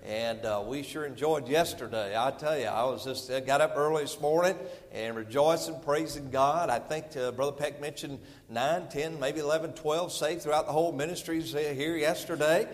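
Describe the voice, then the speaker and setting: A man's voice: on the high side, normal speed, in a large hall. A middle-aged man with a North Carolina accent preaching as a visiting preacher, folksy and rambling with many fillers. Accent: North Carolina Southern. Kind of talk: sermon. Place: church sanctuary.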